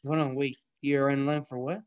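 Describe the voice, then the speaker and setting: A man's voice: medium pitch, little pitch movement, moderate pace, clear, resonant tone, no echo, dull audio. A young man from Colombia hosting an online audio room, chatting casually about food and math in loose slang peppered with swearing. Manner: laid-back, profane slang with bro and yo. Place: small indoor room.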